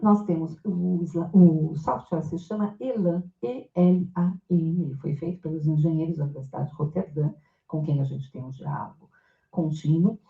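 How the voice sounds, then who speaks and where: A woman's voice: deep voice, moderate pace, vocal fry. Woman lecturer, engaging and questioning, recorded in an echoey amphitheater. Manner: engaging, asks the audience questions. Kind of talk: academic lecture. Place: university amphitheater. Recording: echoey hall, tinny phone-like sound.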